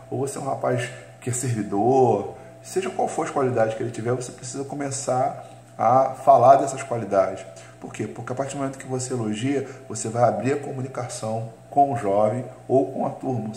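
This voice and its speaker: A man's voice: on the low side, a little mellow. A man coach giving an instructional talk to teachers, full of hesitant fillers, asking and answering his own rhetorical questions. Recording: echoey room with faint hum.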